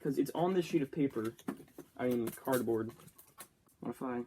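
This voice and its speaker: A young man chatting to himself as a YouTuber, easily excited and joking while he builds and plays. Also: mid-range voice, normal speed, slight background noise. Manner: chatty self-talk, easily excited, jokey. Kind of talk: casual build-and-play commentary.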